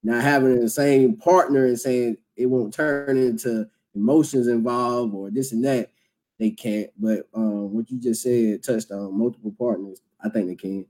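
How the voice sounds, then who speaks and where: A man with a dark, mellow voice talks casually as a podcast co-host. He lays out his view in a measured, laid-back way. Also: mid-range voice, steady tone. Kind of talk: casual chat.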